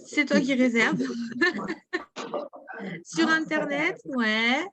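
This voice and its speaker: Chatty woman with a higher voice. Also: drawn-out words, noisy background. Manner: chatty, talks straight to viewers and reads chat messages aloud. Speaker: presenter of a travel booking platform. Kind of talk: live online product demo.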